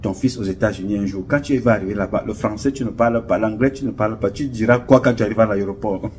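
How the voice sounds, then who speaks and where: A man's voice: fairly low pitch, quick pace, a little mellow, slight background noise. A man with a Cameroonian French accent giving an impassioned, preachy monologue, rambling and repeating himself. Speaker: online commentator. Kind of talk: casual monologue commentary.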